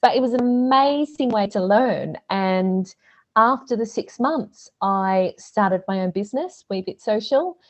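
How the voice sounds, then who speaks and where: Guesting on a relaxed podcast interview, a social media business owner from Australia speaks in a mid-range, expressive, unhurried voice. Her Australian accent comes through as she chats along, laughing often and using plenty of fillers.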